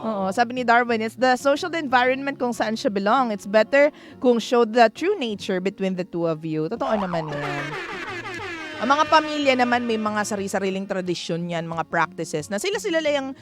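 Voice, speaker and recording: A fairly high-voiced woman hosts a radio advice segment from a studio, talking in a chatty, frank, teasing way and breaking into laughs. A clear music bed plays under her voice throughout. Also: expressive, normal speed. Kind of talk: late-night radio advice talk.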